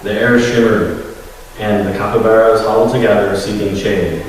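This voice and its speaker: A man with a fairly low voice gives a storytelling talk, pausing often on fillers and restarts. He sounds a little nervous. He is heard from a distance in a large hall with a long, echoing reverb. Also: fairly even intonation, a little hiss or hum. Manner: hesitant, many fillers, admits nerves. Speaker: guest speaker at a secular congregation. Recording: echoey hall, voice from far off.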